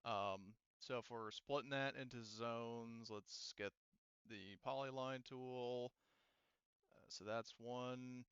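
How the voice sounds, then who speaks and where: Working through each step out loud, a man runs an online tabletop game as game master at a slow, steady pace. His mid-range voice comes across bright, clear and resonant on a dry close-mic recording, with chat audio a touch muffled.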